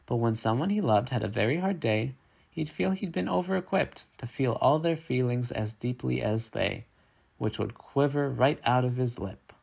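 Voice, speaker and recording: A man reads a children's picture book aloud, expressive and measured like a storyteller. His mid-range voice is husky, with some vocal fry.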